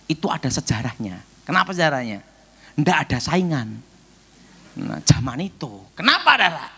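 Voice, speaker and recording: A middle-aged man, preaching a sermon as a pastor and telling stories with joking asides and sudden loud bursts. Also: fairly high pitch, breathy edge.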